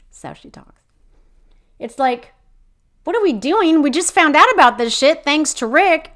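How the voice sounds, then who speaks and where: A woman's voice: high voice, a bit bright. A woman hosting her own podcast, ranting indignantly about local politics in a rambling, profane way, full of fillers and restarts. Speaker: podcast host. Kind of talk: casual ranting commentary.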